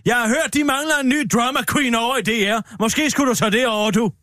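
A man's voice: very high voice, pushed and bright, no echo, studio quality. A man playing a pompous, imperious middle-aged woman boss in an improvised comedy sketch.

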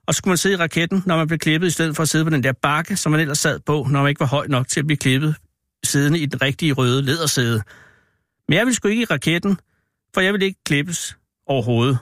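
Sardonic Danish-speaking radio host in his fifties, fairly high. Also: fairly bright tone, dry recording, studio quality. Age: 50s. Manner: sardonic and rambling, with mild swearing. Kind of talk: satirical radio monologue.

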